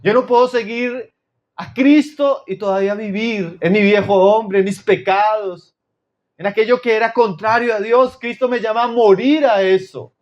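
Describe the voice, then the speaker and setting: A man from Chile preaching a sermon, addressing his listeners as brothers and dropping to low, intense tones for emphasis. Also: normal speed, highs cut off.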